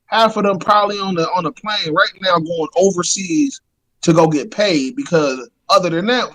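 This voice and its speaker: Slangy, higher-voiced man on a sports podcast. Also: normal speed, rough recording. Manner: slangy, animated, fillers like "like" and "bro". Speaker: podcast co-host. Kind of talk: casual sports talk.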